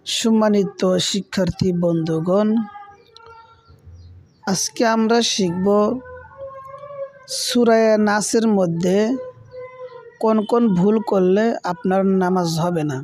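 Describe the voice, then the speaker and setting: A man teaching correct Quran recitation, speaking slowly and deliberately and drawing out the sounds he demonstrates. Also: sits high, fairly even intonation, darkish tone. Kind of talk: tajweed lesson.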